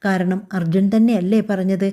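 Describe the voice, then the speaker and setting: A woman narrating a scripted family drama story in a calm, even storytelling voice. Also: medium pitch, normal speed. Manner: calm, even storytelling voice that also reads all the characters' lines.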